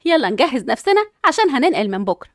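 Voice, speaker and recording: A woman's voice: sits high, very animated, racing, dry recording, clean studio sound. Woman as a bubbly Egyptian mom. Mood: cheerful. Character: cheerful doting mother, excitable.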